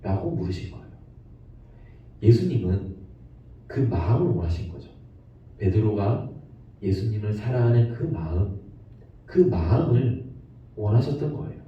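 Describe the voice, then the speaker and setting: Gentle man preaching to children in an echoey room. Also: on the low side, lively intonation, unhurried, long pauses. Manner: gentle storytelling, acting out quoted speech. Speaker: children's pastor. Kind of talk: sermon for children. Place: church for online service. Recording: echoey room, distant dull mic.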